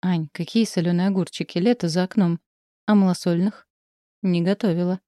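A woman's voice: lowish voice, steady tone, fairly quick, mellow, no room sound, studio quality, natural voice. A woman reading the lines of a sleepy, prying middle-aged mother in a storybook, asking insistent questions. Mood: puzzled.

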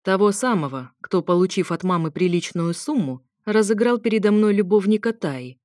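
A woman's voice: on the low side, expressive, normal speed, a little mellow, dry recording, close to an everyday voice. A woman voicing a cold, resolute young man who speaks in a clipped, dry way.

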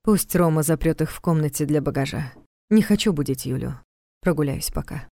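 A woman's voice: deep voice, brisk, creaky, warm tone, no echo. A woman reading the lines of a reserved male private detective who gives short, commanding orders in an audiobook. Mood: curt. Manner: curt, commanding.

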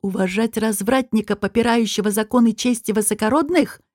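A woman's voice: fairly high pitch, fairly quick, a little mellow, dry recording, clean studio sound, close to an everyday voice. A woman voicing a proud accused male regent who answers defensively. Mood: indignant.

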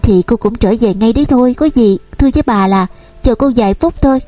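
Woman doing a tired restless young lady, soft but stubborn, mellow voice. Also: fairly high pitch, fast talker, no echo, faint music behind, close to an everyday voice. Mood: firm. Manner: soft and weak, then firm. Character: young woman, restless, weary, quietly determined.

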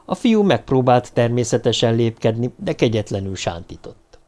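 A man narrating an audiobook in a steady, even delivery. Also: medium pitch.

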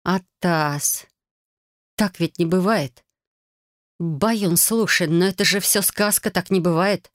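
A woman voicing a bewildered, quick-tempered young heroine who fires off exasperated questions. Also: lowish voice, no room sound, clean studio sound. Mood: doubtful.

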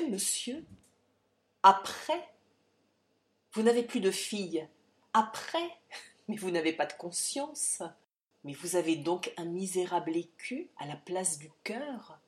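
A woman's voice: fairly low pitch, a little slow, darkish tone, lightly acted. A woman reading an audiobook, voicing an indignant young woman who speaks firmly and coldly. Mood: scornful. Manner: firm, cold, accusing.

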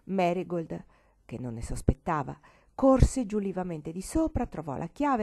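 A woman reads a storybook aloud with a mellow, warm tone. Her reading is expressive, and her voice sometimes drops to a whisper. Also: fairly low pitch. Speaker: audiobook reader.

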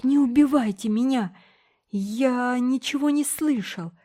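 Woman voicing a teenage boy, frightened, pleading, high breathless cries, mellow, storybook reading. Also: measured pace. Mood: terrified.

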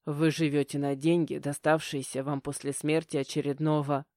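A man's voice: on the high side, level tone, moderate pace, a little mellow, dry recording, clean studio sound, pitched below the performer's own voice, close to an everyday voice. A woman voicing a stern middle-aged stepfather who lectures curtly. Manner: curt, lecturing.

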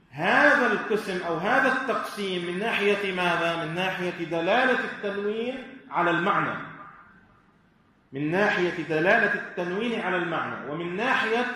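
A middle-aged male sheikh teaching a grammar lesson. He explains step by step, asks his students questions and answers them himself, and chants scripture verses slowly. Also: sits high, pushed and bright. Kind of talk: classroom lesson with Quranic recitation. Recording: very echoey room, faint background noise.

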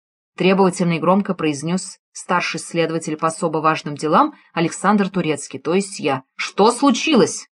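A woman reading a first-person detective audiobook in an expressive storytelling manner. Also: deep voice, a little fast. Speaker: audiobook reader. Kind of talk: first-person scripted narration.

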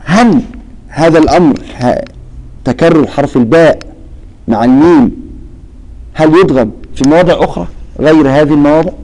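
Speaking at a moderate pace with frequent pauses, a man with a mellow, slightly high voice explains a Quran recitation lesson and recites verses. He addresses students by name and answers his own questions, though the audio quality is poor.

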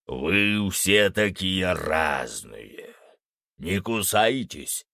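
A gravelly old werewolf, as a male reader puts him on, growling every word low and slow. The voice sits very deep and rough with fry, wary and grumbling, its pitch rolling widely, recorded dry and close. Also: animated, sharp tone, no echo, full character voice. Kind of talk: audiobook character voice.

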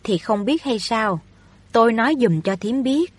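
An overbearing, haughty rich young lady from a storybook, scolding a poor tenant, as a woman reader puts her on. The voice sits fairly high with a husky edge, recorded close and dry. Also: animated, a little slow, dry recording. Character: haughty wealthy young woman, landlord's daughter. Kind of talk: audiobook reading of a novel.

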